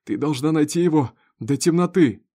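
Man voicing a wounded father, pained, urgent, raised pitch. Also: normal speed, warm tone, lightly acted. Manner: strained, groaning, urgent.

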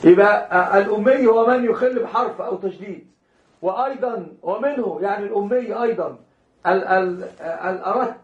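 In a roomy, dull lo-fi recording, a high-pitched man teaches Islamic law at a fairly quick pace. He addresses his students directly, often repeats or restarts words, and lets out an occasional chuckle.

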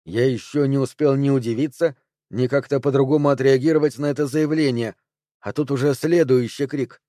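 A man reads a fantasy novel aloud in a measured, even storytelling manner. His tone is mellow and dark. The recording is dry and close, with no room around him. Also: mid-range voice, dry recording. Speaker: audiobook narrator. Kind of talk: scripted narration.

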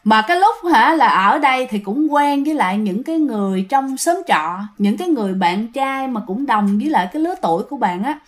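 A woman's voice: fairly high pitch, animated, fairly quick, hardly any pauses. A woman telling a ghost story in a casual, chatty way, often speaking straight to her listeners. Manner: chatty, addresses listeners directly.

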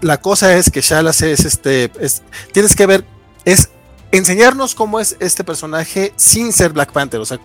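A man's voice: sits high, animated, a little slow, faint music behind. Mexican man rambling about comics. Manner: rambling with many fillers. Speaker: comic book reviewer. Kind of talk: casual livestream chat. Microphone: remote call with lag.

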